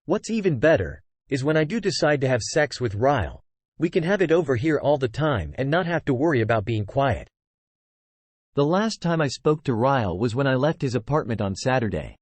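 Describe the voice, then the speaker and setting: A man narrates a novel in the first person, mid-pitched and expressive. His pitch swings widely as he reads. The recording is close and very dry. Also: dry recording. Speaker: audiobook narrator.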